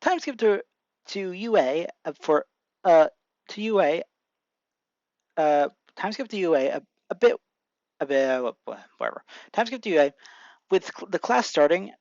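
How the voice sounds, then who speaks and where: Casual male fan narrator, gravelly, stumbling, dull dry home mic. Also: high-pitched, expressive, normal speed, long pauses, a little mellow, dry recording. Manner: stumbling, many restarts and asides. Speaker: fan fiction reader. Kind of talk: improvised story narration.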